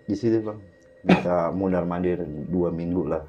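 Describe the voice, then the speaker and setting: A man's voice: low-pitched, fairly even intonation, normal speed, warm tone. A man casually tells a dramatic personal story to a host, constantly calling him "Bang". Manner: keeps addressing the host as "Bang", vivid and dramatic. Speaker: guest telling a personal story. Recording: dull lo-fi sound with faint background music.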